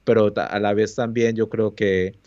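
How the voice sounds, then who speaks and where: Low male co-host from Colombia, hesitant and reflective, on a dry, dull-sounding mic. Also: little pitch movement, moderate pace, warm tone, no echo. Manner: thoughtful, hesitant, many fillers. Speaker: podcast co-host. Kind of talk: casual chat.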